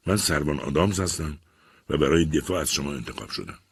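An insistent, patient army captain defending a client, as a narrator puts him on in a storybook reading. His voice is very deep and breathy-husky, and he presses each question firmly. The recording is close and dry. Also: expressive, no room sound, full character voice. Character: persistent male army captain and defense lawyer.

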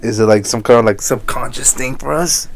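A man's voice: medium pitch, fairly quick, a little hiss or hum. A young man co-hosting a podcast, teasing his friend and asking lots of questions in casual chat. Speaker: podcast co-host.

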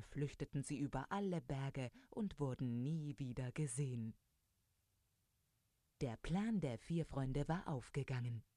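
A woman narrating a fairy tale in a calm, storytelling manner. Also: sits low, no echo, studio quality. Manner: calm storytelling, voices characters.

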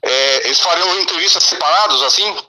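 A man's voice: fairly high pitch, brisk, pushed and bright, slight background noise. A man with a Brazilian Portuguese accent calling in and asking questions hesitantly, often restarting his words. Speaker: caller. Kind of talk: casual phone call. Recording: tinny phone line.

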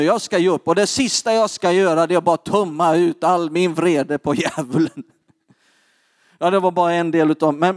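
A man preaching a testimony with dramatic swings between hushed asides and fervent peaks. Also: high-pitched, dry recording, studio quality. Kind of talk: sermon testimony.

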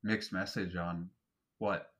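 Bright-voiced laid-back man chatting. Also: low voice, level tone, slow pace. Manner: laid-back, swears casually, lots of fillers. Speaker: podcast co-host. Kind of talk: casual chat.

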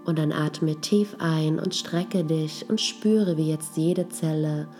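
A woman leading a guided healing meditation in a soft, gentle, breathy voice that trails toward a whisper. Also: deep voice, takes it slowly. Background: music.

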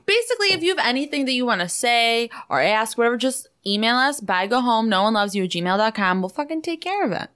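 A woman's voice: fairly high pitch, very animated, fast talker, hardly any pauses, fairly bright tone, clean tone. A woman co-hosting a podcast in casual, blunt, profane chat peppered with "like". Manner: blunt, sweary, heavy on "like". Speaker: podcast co-host.

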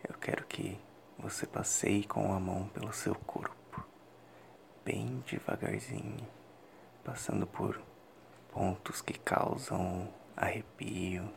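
A man with a Brazilian accent in a whispered role-play, giving intimate, slow and deliberate instructions in a breathy close whisper to an adult listener. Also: low voice.

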